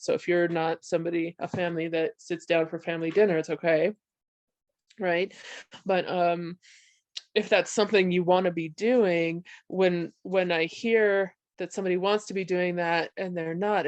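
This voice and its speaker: A congested woman with a slightly low voice talks in loose, rambling runs, often stopping herself and checking in with "right?". The sound is dry and close, with no room around it. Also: a little mellow, no echo. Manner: rambling, many restarts and "right?" tags. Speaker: behavioral health specialist. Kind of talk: conversational panel discussion.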